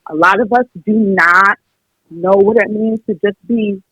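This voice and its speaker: With a medium-pitched, slightly rough voice that's a bit bright, a young American woman calling in to a podcast argues her opinion a little slowly but emphatically, often acting out what others might say. The low-quality recording has no echo.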